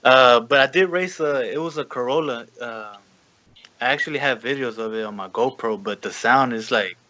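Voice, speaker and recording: A man's voice: mid-range voice, normal speed, pushed and bright, highs cut off. A young man in casual chat, self-deprecating, swearing freely and stammering.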